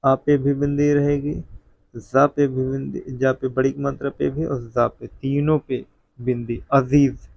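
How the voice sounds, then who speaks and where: A man teaching a Hindi spelling lesson, dictating each word slowly and repeating it, calling his viewers friend. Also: mid-range voice, level tone, creaky, no room sound. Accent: North Indian Hindi. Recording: dull, lo-fi sound.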